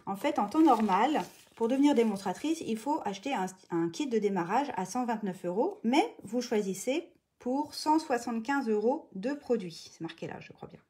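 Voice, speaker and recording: A middle-aged woman runs a live crafting tutorial in a relaxed, chatty way. Her voice sits a little high but sounds mellow and warm, and she breaks off often to greet viewers by name. She talks with frequent hesitations. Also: normal speed. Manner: chatty, greets viewers by name mid-sentence, many fillers. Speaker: crafting demonstrator hosting a live video. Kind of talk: casual live tutorial chat.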